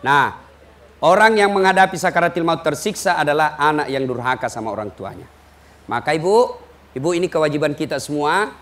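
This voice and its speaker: A man from Sulawesi with a Makassar Indonesian accent, preaching an animated, joking sermon and acting out little dialogues. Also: fairly high pitch, a little fast. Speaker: Islamic preacher. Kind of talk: humorous sermon.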